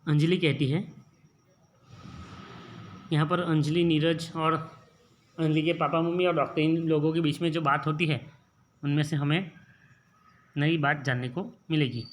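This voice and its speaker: A male teacher from Gujarat explaining a textbook lesson slowly, repeating and explaining each line. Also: on the high side, fairly even intonation. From Gujarat, India.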